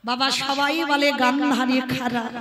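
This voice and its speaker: A woman's voice: high voice, level tone, moderate pace. A woman kirtan singer telling a devotional story in an impassioned way, addressing her listeners directly. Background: devotional instrumental music.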